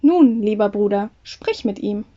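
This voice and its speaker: A woman's voice: medium pitch, lively intonation, unhurried, mellow, highs cut off. A woman reading a fairy tale, voicing a confident young male craftsman in an earnest, declaiming way.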